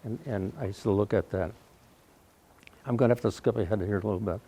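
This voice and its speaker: An elderly man of around ninety from Wausau, Wisconsin, USA, tells his life story to a live audience as a guest speaker, speaking loudly and briskly in a mellow, warm, low tone. He has a folksy storytelling style, often clears his throat, and is recorded in the room with no microphone.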